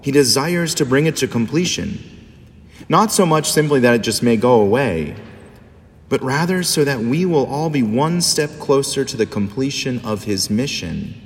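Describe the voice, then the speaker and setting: A man, a priest, reading the Gospel and preaching a homily in a measured, solemn liturgical manner, his voice ringing with cathedral echo. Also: mid-range voice. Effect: cathedral echo, long church reverb. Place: large church. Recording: long reverb in a large church.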